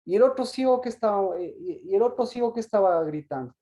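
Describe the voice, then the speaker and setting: A man teaching an interactive Bible study on a video call, pausing and repeating words as he asks questions. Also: high-pitched, expressive, mellow, lo-fi sound.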